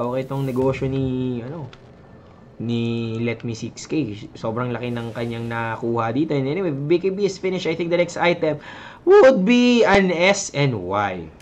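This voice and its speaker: A young man with a Filipino accent commentating a live esports match, chatty and mixing English with Tagalog, getting excitable on big plays. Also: mid-range voice, a little hiss or hum. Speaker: esports caster. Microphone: headset mic, stepping back from it.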